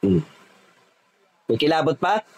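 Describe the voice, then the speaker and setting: A man's voice: a little high, very animated, slow, poor audio. A man leading an online healing session as a faith healer, speaking in a commanding way and firing off short, repeated questions.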